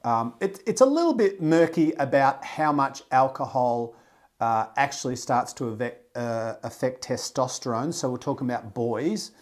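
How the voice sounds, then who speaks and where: Swearing freely, this man hosts a casual podcast chat in a bluntly emphatic, animated way. His mid-range voice moves at a moderate pace, broken up by fillers and restarts.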